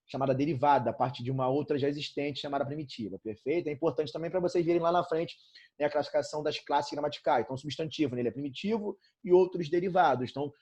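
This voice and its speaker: A man's voice: a little high, darkish tone, slightly rough. A man from Brazil with a Brazilian Portuguese accent, teaching a grammar lesson in an upbeat way and checking in constantly with his students. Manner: addresses students familiarly as "irmão" and "galerinha".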